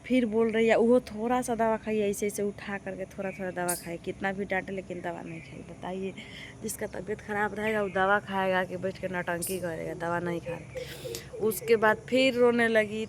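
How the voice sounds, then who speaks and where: A young village woman, chatting to her viewers in a casual vlog. She sounds fed up and complains at length in a mid-range voice. Birds, animals and passing vehicles come through clearly in the open air behind her. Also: medium pitch, slight background noise. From Bihar, India. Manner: exasperated, complaining, addresses viewers directly. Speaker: vlogger. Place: doorway of a village house, outdoors.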